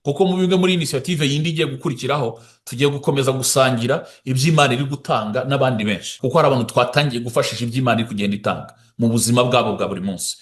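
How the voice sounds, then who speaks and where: A man who speaks and interprets, talking fast and often stopping to restart his words. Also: medium pitch.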